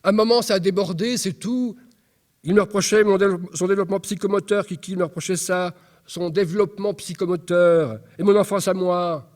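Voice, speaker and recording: A man's voice: high voice, steady tone, a little mellow, voice pushed up, close to an everyday voice. A man reading a stage monologue as an angry, distraught young mother who fires off outraged questions. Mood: outraged, agitated. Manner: raw, outraged, rapid-fire questions.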